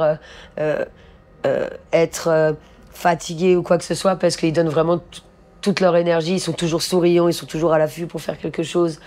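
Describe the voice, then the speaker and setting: A woman's voice: low-pitched, a little mellow. A woman managing festival volunteer catering, answering interview questions enthusiastically with some stammering. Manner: enthusiastic, stammers over words.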